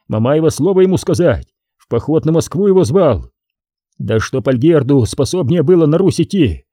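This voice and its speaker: A desperate young noble in chains pours out accusations in a fast, urgent voice, as a male reader gives him lines. The tone is dark and husky, with lively swings in pitch. The sound is close and dry. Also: no echo.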